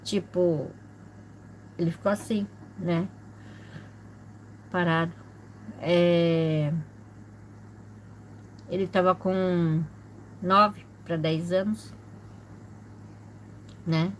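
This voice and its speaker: Soft-spoken woman telling a personal story. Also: on the low side, fairly even intonation, a little hiss or hum. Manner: soft, halting, repeats phrases and fillers. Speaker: channel host.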